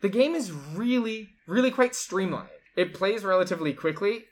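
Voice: medium pitch, expressive, normal speed. Enthusiastic host explaining game rules. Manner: enthusiastic, chatty, lots of fillers like "like". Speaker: board game show co-host.

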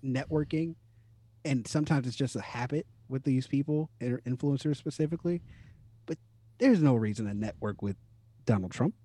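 A man telling stories in a casual podcast chat, animated, swearing casually and laughing often. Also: mid-range voice, normal speed, no echo.

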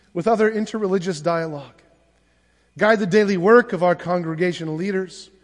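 A male pastor leading liturgical prayers at a pulpit microphone in a church, reading in a measured, solemn way. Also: sits high. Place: church sanctuary. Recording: long church reverb.

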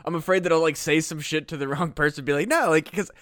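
Male podcast co-host, higher-pitched, rambling, swears a lot, dry close recording. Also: steady tone, fast, a bit bright, dry recording. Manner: rambling, heavy use of "like" and swearing. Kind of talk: casual chat.

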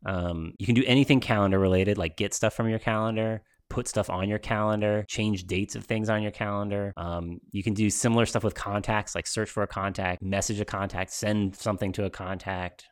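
A man's voice: lowish voice, steady tone, a little fast, hardly any pauses, clear, resonant tone. A man co-hosting a podcast, chatting casually with lots of ums and likes. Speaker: podcast co-host. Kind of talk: casual tech chat.

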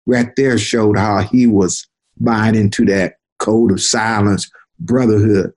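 An older man, a retired detective, telling stories from his career in an unhurried conversational way, often repeating words as he recalls. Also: lowish voice, steady tone, darkish tone. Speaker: interview guest, retired police detective. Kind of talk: conversational storytelling.

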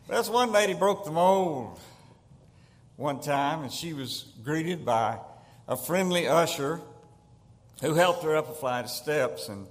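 Slow-talking Southern preacher in a church. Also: male voice, on the high side, animated. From Tennessee. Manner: storytelling, chuckles at his own jokes. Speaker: guest pastor. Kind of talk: folksy sermon with humorous stories. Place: church sanctuary. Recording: long church hall reverb.

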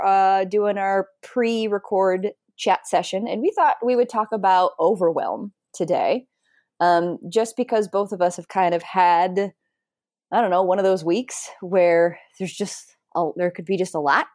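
A woman's voice: mid-range voice, darkish tone, no echo, studio quality. A woman co-hosting a podcast, chatting casually and candidly, rambling with fillers and self-corrections. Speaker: podcast co-host. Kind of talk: casual conversational podcast chat.

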